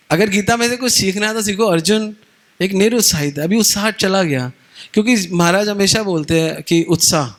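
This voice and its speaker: Male retreat preacher, middle-aged, high-pitched, animated storytelling lecture style. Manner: animated, acts out dialogue, mixes in English words. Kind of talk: Hindi devotional lecture.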